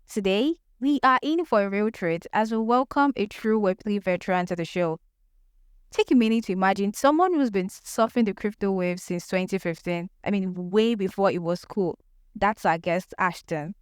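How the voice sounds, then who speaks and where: A woman's voice: medium pitch, normal speed, clean tone, no room sound, clean studio sound. A woman hosting a podcast, introducing her guest in an upbeat, enthusiastic way. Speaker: podcast host. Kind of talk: scripted podcast intro and interview.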